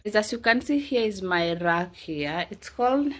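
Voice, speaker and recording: A woman's voice: mid-range voice, lively intonation, measured pace, fairly bright tone. A woman chats loosely to her viewers, rambling from one thing to the next. Her tone is easygoing and conversational, like a casual unboxing vlog. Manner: chatty, rambling, keeps addressing viewers as "guys". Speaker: vlogger.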